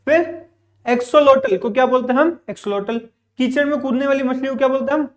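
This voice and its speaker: A man's voice: very high-pitched, a little fast. A male teacher giving a classroom vocabulary lesson. He asks his own questions, answers them in a repetitive drill and explains patiently with frequent check-ins. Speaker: English teacher.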